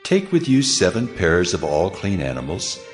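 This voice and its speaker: An actor playing God in a dramatized scripture reading, a solemn almighty deity speaking in a grave, commanding, declamatory way. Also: male voice, deep voice, huge pitch swings, moderate pace. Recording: long cavernous reverb over music.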